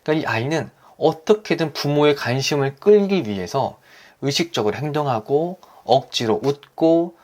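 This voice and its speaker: A man hosting a live lesson for married couples, talking gently and earnestly and often asking his audience questions. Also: fairly high pitch, expressive, normal speed. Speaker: host leading a couples' reading session. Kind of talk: live online lecture to couples.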